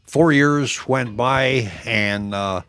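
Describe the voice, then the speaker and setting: Drawing out his words at medium pitch, this octogenarian gym owner has a slightly bright, clear and resonant tone with no room sound. In the interview he wanders through old stories, quoting people with a constant "I says."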